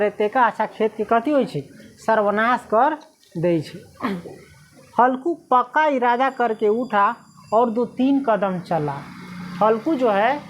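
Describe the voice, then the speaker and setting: A woman's voice: fairly high pitch, a little hiss or hum. A woman teacher. She explains a Hindi story lesson, reading each line and then retelling it in local dialect, often asking "है ना?".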